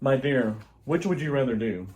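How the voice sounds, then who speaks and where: The mood is tender and earnest as a man performs an urgent, earnest alien scientist, husband and father, in retro radio theater acting. He delivers it gravely and theatrically, his medium-pitched voice animated, a little mellow and lightly acted at a moderate pace.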